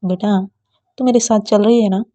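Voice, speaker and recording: A woman's voice: mid-range voice, steady tone, moderate pace, mellow, highs cut off, natural voice. A woman voicing a playful old grandmother who scolds her granddaughter in a teasing, mock-stern way in a storybook reading. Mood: teasing scolding.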